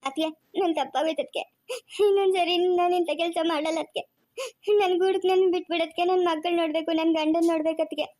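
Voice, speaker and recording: A woman's voice: high voice, little pitch movement, racing, a little mellow, lightly acted. A woman playing a tearful young wife in a family drama skit, crying as she pleads over and over to be forgiven. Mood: pleading, tearful. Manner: pleading, repeats her plea over and over.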